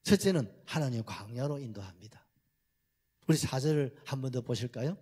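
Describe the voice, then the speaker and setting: A man preaching a sermon with a Gyeongsang accent, telling the story in animated, colloquial fashion and often clearing his throat. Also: medium pitch, normal speed. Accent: Gyeongsang Korean. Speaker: pastor.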